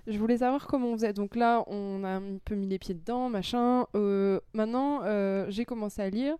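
A woman's voice: mid-range voice, moderate pace, warm tone, smooth, no echo. A woman hosting a casual podcast chat, asking curious, hesitant questions with fillers.

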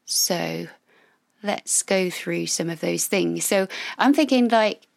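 Gravelly lady podcast host, lowish creaky voice, friendly casual chat, dry close sound. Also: slow, no echo.

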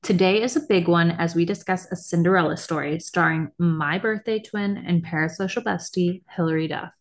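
A woman's voice: fairly low pitch, normal speed. A woman in her thirties hosting a casual pop culture podcast, chatting in a conversational way. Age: 30s. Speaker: podcast host.

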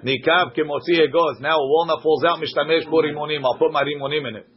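A man's voice: on the high side, fairly even intonation, fast, muffled recording. A man giving an informal Talmud lesson as a teacher, reading phrases aloud and explaining them in short glosses.

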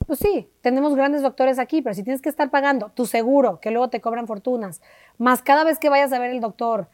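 A woman with a Mexican accent tells her story as an interview guest. Her voice sits fairly high, and she slips into the voices of the people she quotes. The sound is dry and close. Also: fairly quick, dry recording. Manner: animated retelling, acts out dialogue.

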